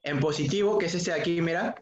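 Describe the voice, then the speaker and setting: A man's voice: a little high, fast, a little hiss or hum. Patient male teacher in an echoey room. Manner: patient, repeats key points often; asks students questions by name. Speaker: secondary school English teacher. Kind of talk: online class lesson. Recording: dull, echoey room sound.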